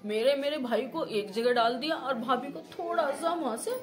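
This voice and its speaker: A woman's voice: high voice, animated, moderate pace. A woman giving an urgent eyewitness account to a reporter. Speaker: witness. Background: crowd.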